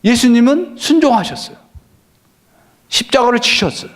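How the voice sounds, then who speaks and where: A middle-aged pastor preaching a conversational sermon, who keeps asking the congregation questions and answers them himself. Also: male voice, extremely high pitch, lively intonation, moderate pace. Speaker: senior pastor.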